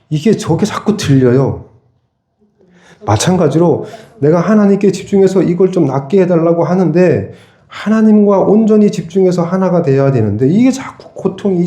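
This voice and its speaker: A man's voice: mid-range voice, dark tone, roomy sound. A pastor preaching a sermon in a church. He keeps asking the congregation questions and answers them himself. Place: church sanctuary.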